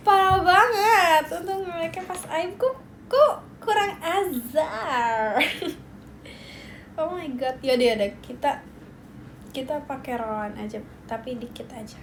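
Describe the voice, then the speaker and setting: A high, girlish young woman chatting slowly and playfully with her viewers on a livestream. She giggles and teases, taking her time between remarks, with a faint hum of background noise behind her. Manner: playful, giggly, reacting to comments. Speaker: livestream host. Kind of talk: casual livestream chat.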